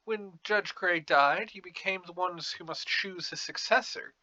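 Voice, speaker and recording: A man voicing an ingratiating necromancer ambassador from a fantasy game, halting and eager to persuade. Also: high-pitched, sharp tone, no echo, lo-fi sound, heavily acted.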